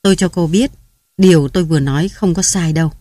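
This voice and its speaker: A woman's voice: on the low side, fast, mellow, no echo, close to an everyday voice. A woman reading the part of a scheming middle-aged man who presses a grieving wife to hand over her money. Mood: persuasive. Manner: persuasive, pressing.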